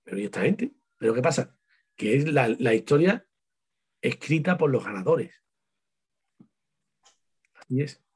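A man's voice: mid-range voice, very animated, a little slow, long pauses, breathy edge. A man from Seville with an Andalusian accent, an author talking emphatically in an interview, full of rhetorical questions and repeated words. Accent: Andalusian Spanish. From Seville, Spain. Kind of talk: casual interview talk.

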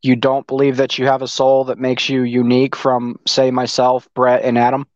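A man's voice: mid-range voice, completely flat delivery, moderate pace, no room sound. A man in a casual call-in debate, putting pointed probing questions. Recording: dull, dry lo-fi call audio.

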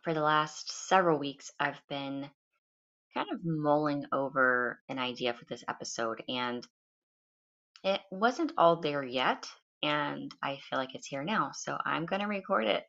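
Recorded on a home podcast setup, a woman from the United States muses through a solo monologue, unhurried and loosely rambling, her voice sleepy like early morning. It sits low, gravelly and a bit bright, though the recording is muffled.

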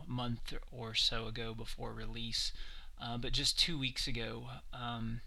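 A man hosts a podcast, speaking earnestly and at a measured pace. His voice is very bright and gravelly, with little rise and fall. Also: medium pitch, low-quality recording. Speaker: podcast host. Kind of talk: solo host segment.

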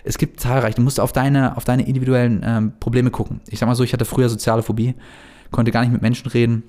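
A man talking fast and earnestly to the viewer about meditation and self-belief, in a casual motivational style. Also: medium pitch, level tone, darkish tone. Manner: fast-talking, earnest, addresses the listener directly. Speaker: self-help coach.

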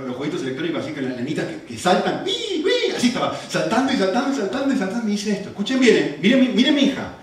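A middle-aged man with an Argentine accent preaching a sermon, telling stories and firing off rhetorical questions. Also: high-pitched. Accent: Argentine Spanish. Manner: animated storytelling with rhetorical questions. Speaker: pastor. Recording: echoey room, far from the mic.

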